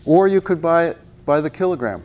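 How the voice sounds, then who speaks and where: Speaking a little fast with lively intonation, a man in his sixties lectures a university physics class in a large hall over a lapel mic. His voice is a bit high and a bit mellow, and he jokes and asks rhetorical questions while walking to and pointing at the chalkboard.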